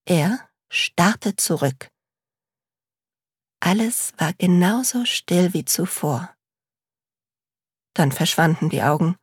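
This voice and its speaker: A woman narrating a storybook in a slow, calm, measured reading. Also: fairly low pitch, breathy edge, no echo, clean studio sound.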